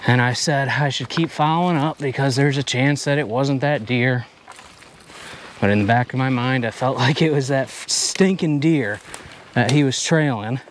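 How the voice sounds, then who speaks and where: A man's voice: mid-range voice, normal speed, slight background noise. A man narrating a day of hunting while walking through hilly woods outdoors, talking to the camera and slightly out of breath. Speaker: hunting vlogger.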